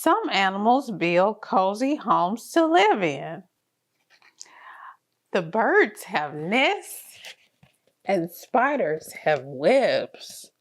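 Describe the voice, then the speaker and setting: This children's story reader has a medium-pitched, very animated voice, stretching out words and pausing often. She reads a picture book aloud to toddlers in a sing-song, encouraging way aimed at little ones.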